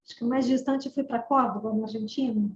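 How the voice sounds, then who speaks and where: Mellow woman chatting in an echoey room. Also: on the high side, fast talker. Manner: relaxed, describing things with hesitations. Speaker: guest. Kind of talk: casual chat. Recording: dull echoey room recording with faint noise.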